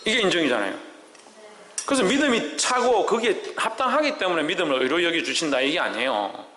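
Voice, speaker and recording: A man's voice: a little high, very animated, brisk, bright, forceful tone, echoey room, long reverb tail. A man preaching a sermon as a pastor, quizzing his congregation and acting out God's words. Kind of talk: sermon with audience questions. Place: church sanctuary.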